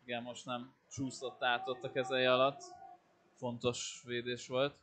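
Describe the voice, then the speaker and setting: A man comments on a live match in a measured way. His mid-pitched voice stays fairly even, with faint hall ambience behind it. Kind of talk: live sports analysis commentary. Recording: faint venue ambience noise.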